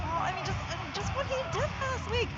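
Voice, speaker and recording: A man's voice: very high-pitched, expressive, fast talker. A man co-commentating live wrestling, exclamatory and incredulous. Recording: lo-fi broadcast, loud crowd and music. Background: loud crowd and music.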